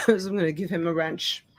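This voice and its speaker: A fairly low, steady female voice at normal speed, with no echo, comes from a USB desk mic. The speaker is a middle-aged woman whose first language is Italian, casually running a live-stream auction, greeting viewers by name and using many fillers.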